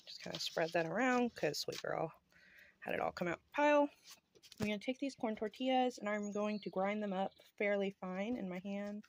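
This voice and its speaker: A woman in her thirties gives a casual how-to vlog about homesteading from her porch, phone in hand or at arm's length. Medium pitch, moderate pace, and a slight background noise.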